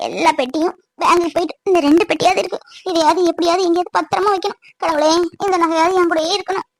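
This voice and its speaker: A sharp-tongued young wife who scolds and complains in long rapid rants. Her voice is very high and squeaky, sped up like a cartoon, and sits dry and close to the mic. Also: fairly even intonation, no room sound. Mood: complaining. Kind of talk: cartoon voice acting.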